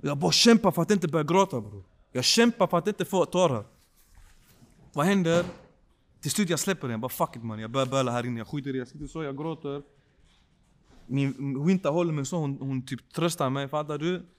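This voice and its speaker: A man telling a personal story in a casual podcast chat, slangy and animated, often checking that the listener follows. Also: a little high. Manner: slangy, animated, keeps asking if you follow. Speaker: podcast guest.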